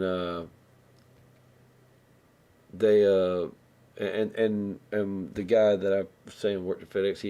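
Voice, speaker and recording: Low-voiced man telling a rambling story. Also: dark tone. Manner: rambling, loose, with many restarts and acted-out dialogue. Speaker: live stream host. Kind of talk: casual storytelling.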